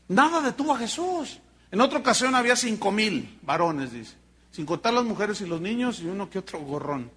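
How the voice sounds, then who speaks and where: A Mexican pastor preaching with a high, bright voice. He tells Bible stories in an animated way and breaks into joking asides to his congregation. The tone stays bright and forceful throughout. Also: breathy edge. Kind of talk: sermon.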